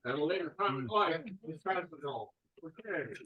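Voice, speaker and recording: A man's voice: on the high side, lively intonation, moderate pace. A man who leads the singing at a club meeting, making short, chatty remarks. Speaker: song leader. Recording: dull, echoey room recording.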